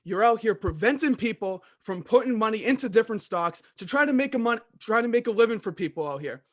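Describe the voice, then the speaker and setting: A man's voice: high voice, animated, fast. A man performing an amateur wrestling promo as an indignant, crusading wrestler calling out a villain. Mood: indignant, defiant.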